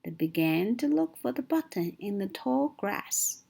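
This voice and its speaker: This children's story reader, a woman, moves through a picture book slowly and clearly, her pitch rising and falling broadly to engage little ones. She shapes every line with care and expression.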